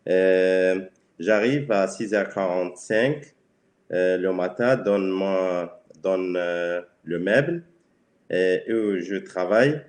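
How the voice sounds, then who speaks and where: A man with a Spanish accent speaks very slowly in a fairly low voice, searching for his words. His presentation is simple, and the room around him is echoey. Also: darkish tone. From Spain. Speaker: cleaner, webinar guest.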